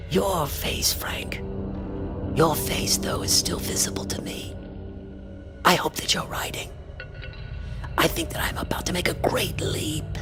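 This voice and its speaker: For a radio horror drama, a man with a fairly high-pitched voice performs an obsessed, imperious antiquarian who experiments with a mystical drug. Breathy, husky and theatrical, he speaks with grandiose, deliberate, formal diction, his entranced delivery often sinking to a whisper.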